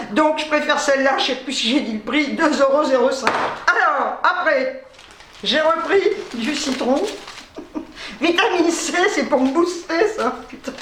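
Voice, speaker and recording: Woman vlogger, high and wound-up, laughing nervously through a haul, roomy echo. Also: a bit bright, a little hiss or hum. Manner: agitated, nervous laughter between phrases; swears casually. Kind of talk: casual shopping haul chat.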